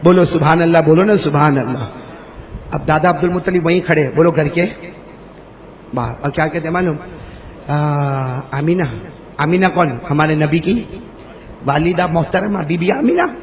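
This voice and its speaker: A male preacher delivering a devotional sermon, urging the crowd to call back and switching between hushed storytelling and drawn-out chanted verses. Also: narrow, tinny audio. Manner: coaxes the audience to respond, repeating prompts; drops to a hushed low voice for storytelling.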